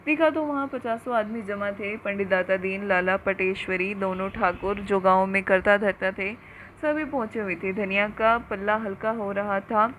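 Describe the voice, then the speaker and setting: A woman's voice: medium pitch, normal speed, a little hiss or hum, low-quality recording. Woman reading a novel aloud. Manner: even, literary storytelling. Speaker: narrator.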